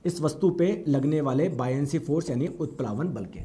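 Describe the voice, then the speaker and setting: Give me a male teacher lecturing at a whiteboard in a classroom, with a high-pitched voice and a questioning manner. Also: moderate pace, mellow. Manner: asks the class questions and acts out students' replies.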